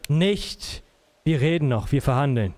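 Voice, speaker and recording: A man's voice: mid-range voice, lively intonation, unhurried, very noisy. A man playing a captured character in a roleplay, pleading and stammering nervously. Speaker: roleplay player as captured agent.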